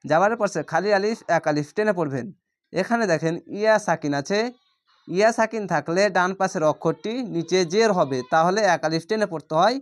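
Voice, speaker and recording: A man with a high voice gives a Quran recitation lesson, patiently spelling out each letter and vowel mark. He then draws the Arabic words out slowly.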